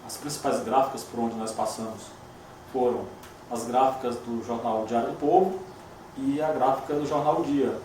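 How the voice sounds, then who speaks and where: A man's voice: medium pitch, a little mellow, a little hiss or hum. Man speaking from far off in an echoey room. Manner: measured, reflective recollection. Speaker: journalist and lawyer. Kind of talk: documentary interview testimony. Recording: very echoey room, distant mic.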